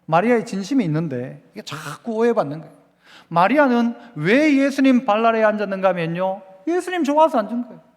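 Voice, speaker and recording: A man's voice: high voice, expressive, a little fast, in a large hall. A man preaching a Sunday sermon as pastor, asking the congregation questions and having them repeat lines after him.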